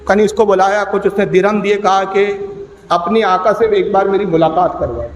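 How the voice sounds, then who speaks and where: Dramatic high-voiced male preacher, echoey hall. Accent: Pakistani. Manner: dramatic, voices the people in the story. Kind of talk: emotional storytelling sermon. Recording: echoey hall with faint hum.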